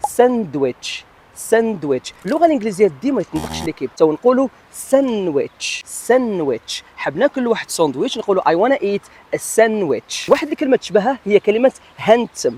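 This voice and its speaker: A man teaching English pronunciation in a casual video lesson, slowing down to spell out each example word. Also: high-pitched, sing-song, a little mellow, slight background noise. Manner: switches between dialect and slow, over-articulated English examples.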